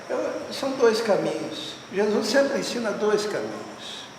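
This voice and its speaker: A man's voice: high voice, wildly swooping pitch, moderate pace. A man preaching a sermon in fervent, emphatic repetitions and leading an altar call. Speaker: pastor. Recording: echoey hall, distant from the mic, noisy.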